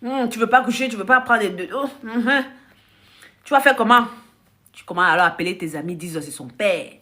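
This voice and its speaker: An African woman who works as a life coach tells stories in a casual live-stream monologue, her voice fairly high and a little fast. She laughs often, acts out conversations, and speaks bluntly and directly to her viewers.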